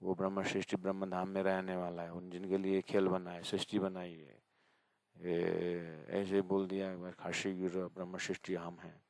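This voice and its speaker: A man giving a devotional discourse as a spiritual teacher, addressing his listeners directly and repeating verses slowly. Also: deep voice, completely flat delivery, gravelly, a little mellow, dry recording.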